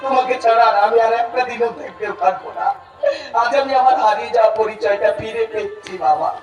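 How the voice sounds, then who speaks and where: A man's voice: high-pitched, music in the background, natural voice. A male stage actor playing an anguished son who longs for his father, in an impassioned, pleading, melodramatic folk theatre style. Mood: overwrought crying out. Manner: impassioned, pleading, drawn-out emotional delivery. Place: folk theatre pandal before an audience. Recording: echoey crowded stage PA from far off.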